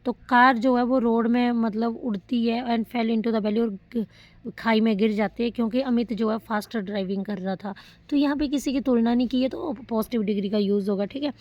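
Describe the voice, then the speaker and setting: A young woman teaching English grammar in Hindi, reading example sentences slowly and calling her students beta. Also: on the high side, fairly even intonation, dry recording, highs cut off. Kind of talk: classroom lecture.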